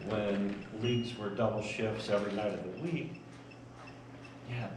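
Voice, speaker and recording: A low-voiced man in casual conversation, caught in a very echoey space. He talks in a halting way and circles back over his words, with clear noise around him. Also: level tone. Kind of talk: casual chat. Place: large indoor bowling alley. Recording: echoey room, distant mic, noisy.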